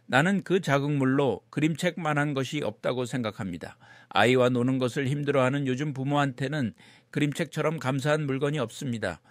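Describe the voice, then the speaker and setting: A man narrating a scripted informational text in a measured, explanatory way. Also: mid-range voice, no echo, clean studio sound.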